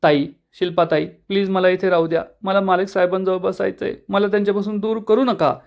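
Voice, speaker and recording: A devoted, humble young woman pleads in a high voice. A man voices her lines plainly while retelling a TV serial episode. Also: fairly even intonation, brisk, gravelly, dull audio. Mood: pleading.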